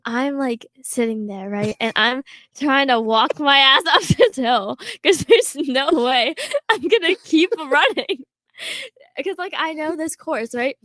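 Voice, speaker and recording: A teenage girl telling a story in casual podcast chat, full of "like" fillers and quick laughs. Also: sits high, lively intonation, fairly bright tone, no echo, clean studio sound. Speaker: podcast co-host.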